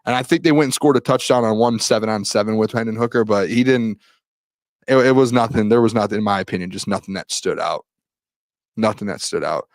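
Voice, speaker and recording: A young man with a voice on the low side, talking a little fast with no echo, hosts a sports show alone on a live stream. He rambles through a practice recap with frequent restarts and reads viewer questions out loud. His voice is giving out, and he clears his throat.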